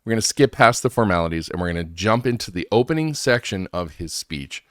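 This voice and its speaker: A man's voice: sits low, lively intonation, brisk, a bit bright, dry recording, studio quality. A man hosting a talk show with informal, conversational political commentary, slightly wheezy and congested from allergies.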